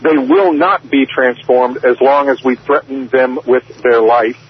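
A man's voice: medium pitch, fairly even intonation, unhurried, lo-fi sound, a little hiss or hum. A man, a professor calling in to a radio show, speaking earnestly and with feeling. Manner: earnest, impassioned, repeats words. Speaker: professor, phone guest.

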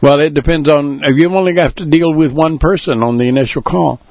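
A man hosting a live radio talk show from the studio, explaining things deliberately with many pauses and fillers. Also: a little high, a little hiss or hum. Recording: dull lo-fi radio broadcast.

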